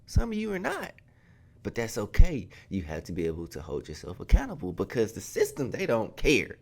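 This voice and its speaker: A man's voice: sits low, a little mellow. A man delivering an escalating, comedic rant straight to viewers in an emphatic, slangy, profane way, like a reaction commentator.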